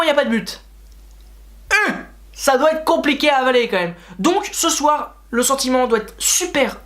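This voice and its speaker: A man's voice: very high-pitched, a bit bright. A man hosting a casual football reaction video, talking straight to his viewers and ranting with frustration and sarcastic asides. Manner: talks to viewers directly.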